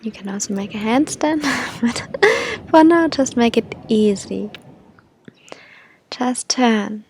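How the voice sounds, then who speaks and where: High, slow, breathy female meditation guide. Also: lively intonation, darkish tone, slight background noise.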